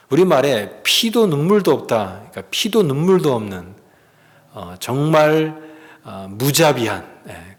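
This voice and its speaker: A male pastor delivers a sermon with an earnest, emphatic manner, his mid-pitched voice ringing through a church hall. He speaks in a long reverb that trails after each phrase. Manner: earnest, emphatic preaching with rhetorical questions to the congregation. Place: church sanctuary.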